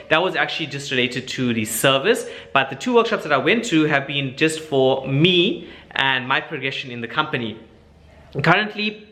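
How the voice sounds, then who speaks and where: The airline cabin supervisor's voice is a little high, pushed and bright as he chats informally in his vlog. He keeps addressing viewers as guys.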